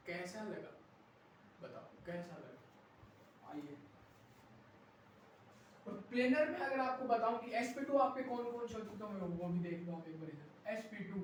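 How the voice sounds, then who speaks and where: A male chemistry teacher lecturing a class, firing quick rhetorical questions at students and urging them to copy notes fast. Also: high-pitched, a little hiss or hum. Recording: very echoey classroom, mic far off.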